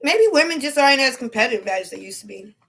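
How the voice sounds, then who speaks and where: A woman's voice: high-pitched, lively intonation, quick pace, vocal fry, fairly bright tone, slightly rough. A woman talking casually on a livestream at home, chewing as she eats, with a slangy, playful, opinionated manner. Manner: chewing while talking, eating. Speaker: solo livestream vlogger. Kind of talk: casual chatty livestream monologue.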